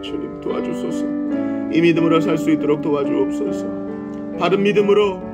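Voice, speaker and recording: A man's voice: a little high, quick pace. A man, a pastor, closing his sermon and leading an earnest, pleading prayer in a church. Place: church sanctuary. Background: soft piano accompaniment.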